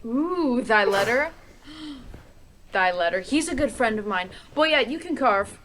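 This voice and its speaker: A woman playing a haughty, playful high-born lady in a Shakespearean stage comedy. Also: expressive, slow. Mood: amused, excited.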